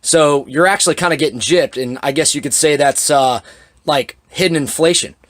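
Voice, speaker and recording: Guy showing off his reloading setup, plain talk, bit of a higher voice, dry sarcasm now and then. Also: normal speed. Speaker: shotgun reloading demonstrator. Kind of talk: hands-on equipment demonstration.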